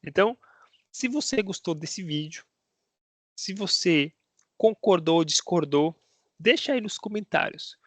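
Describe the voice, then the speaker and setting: His voice sits high and is expressive, moving at a measured pace with long pauses, in a dry recording. He's a Spanish teacher with a Brazilian Portuguese accent giving a casual explanatory video talk, questioning himself rhetorically and checking in with "né?".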